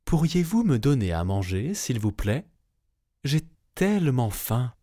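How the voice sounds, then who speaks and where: A man's voice: mid-range voice, sing-song, a little slow, mellow, no room sound, clean studio sound, voice pushed up. A man voicing a hungry, thin young boy in a storybook reading, speaking politely and earnestly.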